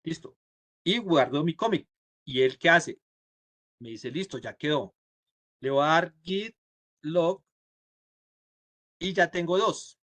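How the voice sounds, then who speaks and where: A man's voice: a little high, animated, slow pace, pauses often, fairly bright tone, dry recording. A man from Colombia teaching a programming class live, explaining each step and checking with his students. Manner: acts out the computer's replies in quotes. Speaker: programming instructor.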